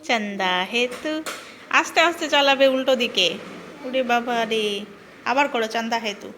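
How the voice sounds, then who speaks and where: A woman's voice: fairly high pitch, moderate pace, fairly bright tone, a little hiss or hum. A young adult woman vlogging at home, coaxing her small child with repeated questions. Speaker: vlogger and mother. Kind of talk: casual home vlog. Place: family home.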